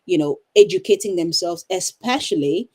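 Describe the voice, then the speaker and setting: In a lowish voice with lively intonation, a middle-aged woman from Cameroon, a teacher and coach, takes interview questions over a video call. Her answers are thoughtful, broken up by many pauses and restarts.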